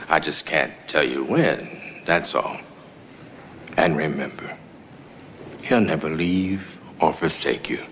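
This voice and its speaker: A calm male angel mentor with a low voice. He is grave, measured and gently firm, in TV-drama style with faint noise behind. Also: heavily acted. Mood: reassuring.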